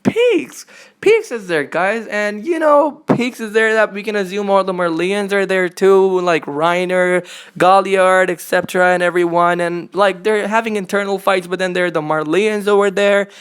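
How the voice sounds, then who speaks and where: A young man with a slightly high, smooth and clear voice, talking as an excitable reaction-channel host. He recaps an episode casually, stacking fillers and gushing over every twist. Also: moderate pace. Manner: animated, filler-heavy, gushing.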